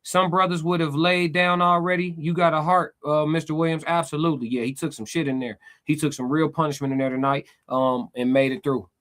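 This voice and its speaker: High-pitched American man calling fights. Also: fairly even intonation, a little fast, few pauses, fairly bright tone. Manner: emphatic, repeats phrases, swears freely. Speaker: boxing commentator on a live stream with chat. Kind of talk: excited blow-by-blow fight commentary and casual chat.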